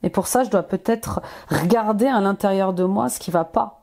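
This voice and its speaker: A woman's voice: medium pitch, normal speed, vocal fry, dark tone. A woman giving an earnest, casual tarot reading straight to her viewers, with many fillers and restarts. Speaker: intuitive life coach, tarot reader.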